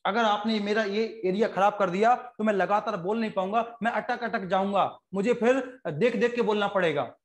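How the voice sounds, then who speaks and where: A high-pitched man with an Indian accent lectures a biology class. He talks quickly and jokes with his students, slipping into short voices for his stories. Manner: joking, animated, fast-talking lecturer who puts on quick voices for stories. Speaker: biology teacher.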